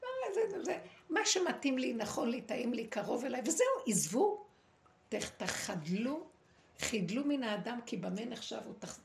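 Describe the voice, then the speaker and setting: A woman giving a dramatic, preachy spiritual talk to a group, with pointed pauses. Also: on the high side, gravelly. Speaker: spiritual teacher. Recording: echoey room, faint noise.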